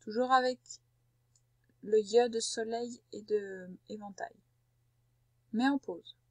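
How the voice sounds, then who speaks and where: A woman teacher leading a recorded spelling dictation for a young child, saying each syllable slowly and carefully and giving gentle step-by-step instructions. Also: a little high, fairly even intonation, dry recording. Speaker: primary school teacher.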